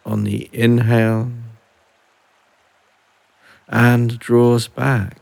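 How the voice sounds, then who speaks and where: Slow, gravelly man guiding relaxation. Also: mid-range voice, flat delivery. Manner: soft, unhurried, long pauses between phrases. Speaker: meditation guide. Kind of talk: guided relaxation.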